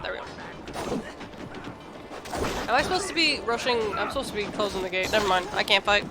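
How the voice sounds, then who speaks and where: A woman's voice: medium pitch, animated, fairly quick, loud music behind the voice. A woman doing casual gameplay commentary, playful and full of exclamations as she chats to the game characters. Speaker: game streamer. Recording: clear game noise behind.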